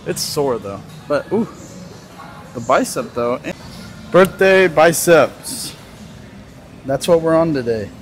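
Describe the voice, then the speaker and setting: Young guy rambling on his workout vlog, kinda high voice, loud gym music behind him. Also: expressive, slow pace, long pauses, low-quality recording. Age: 20s. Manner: laid-back, rambling, laughs often. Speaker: fitness vlogger. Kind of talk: casual walk-and-talk vlog. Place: large indoor gym. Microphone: phone camera on a tripod nearby. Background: music playing in the gym.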